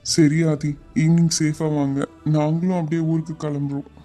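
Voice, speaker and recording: A man voicing a cheerful, joking young newlywed in an animated web series. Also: on the high side, normal speed, faint music behind, natural voice. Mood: happy. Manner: joking, lighthearted.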